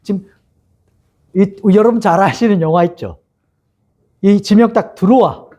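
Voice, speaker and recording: A man's voice: high-pitched, normal speed. A man preaching a sermon as pastor, reading scripture aloud, asking the congregation questions and acting out quotes. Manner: lively, asks the congregation questions and acts out quotes.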